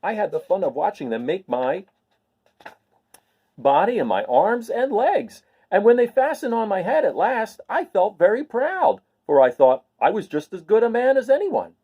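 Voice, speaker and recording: A man's voice: sits high, sing-song, moderate pace, husky, phone-quality sound, voice pushed up, full character voice. A man voicing a naive, earnest and cheerful scarecrow stuffed with straw in a storybook reading. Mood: wistful, eager. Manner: earnest, artless, wondering.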